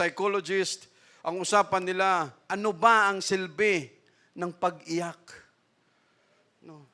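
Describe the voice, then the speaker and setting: A man's voice: high voice, pushed and bright, clean tone. A man preaching a sermon as pastor, peppering his talk with a questioning "no?" and chuckling asides. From Philippines. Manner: mixes asides and laughs, repeated "no?" tag.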